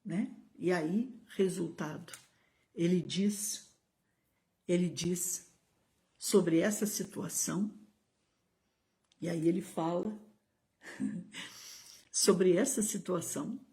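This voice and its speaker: This middle-aged woman delivers a live-streamed sermon in a Brazilian Portuguese accent, emphatic and given to abrupt high exclamations as she names individual viewers. She speaks slowly with long pauses, and her voice is mellow.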